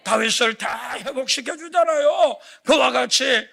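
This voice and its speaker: A man preaching a Sunday sermon as pastor, swinging between loud urgent calls and hushed whispered asides. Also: very high-pitched, a little slow, creaky. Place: church sanctuary.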